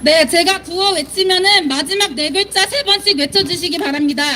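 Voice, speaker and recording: A woman activist at an outdoor press conference reading a statement and leading chants in a forceful, declaiming way. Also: very high voice, moderate pace, over a noisy crowd, heavy background noise. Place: outdoor plaza.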